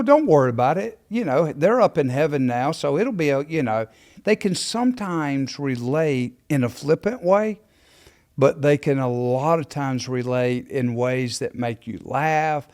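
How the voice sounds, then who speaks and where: A man's voice: mid-range voice, darkish tone. A man co-hosting a ministry podcast, running through familiar explanations with practiced ease. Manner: practiced, listing traits in quick runs. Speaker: podcast co-host. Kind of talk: casual ministry podcast discussion.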